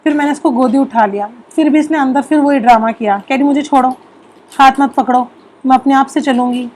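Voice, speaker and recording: A woman's voice: sits high, fairly quick, darkish tone. A young woman, a mother of two, narrating a casual family vlog in a chatty, homely way while getting over a sore throat. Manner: chatty, homely, full of fillers like "theek hai".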